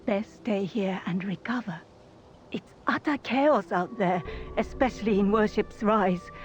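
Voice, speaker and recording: A woman voicing an ailing, weary and caring refugee in a video game, sick and breathy. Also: medium pitch, unhurried, soft background music, close to an everyday voice. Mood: weary, grim. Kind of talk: video game character dialogue.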